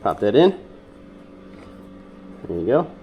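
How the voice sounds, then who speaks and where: A man with a nasal, congested voice from being sick, calmly walking through a repair step by step with frequent ums and uhs. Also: fairly low pitch, slow pace, dull audio, a little hiss or hum. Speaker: mechanic demonstrating a repair. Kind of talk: casual how-to demonstration.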